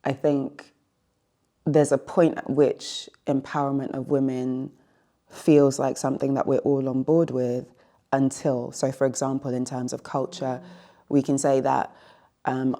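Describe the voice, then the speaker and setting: A woman in her forties, a well-being coach, joins a casual panel discussion as a guest. She speaks thoughtfully, rephrasing points while searching for words. Her bass voice is mellow and level, and she's unhurried.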